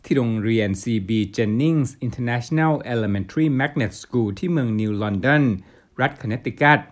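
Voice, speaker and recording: A man reporting the news, reading a formal script in a polite, measured way as a studio voice-over. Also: medium pitch. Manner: polite formal delivery with Thai polite particles.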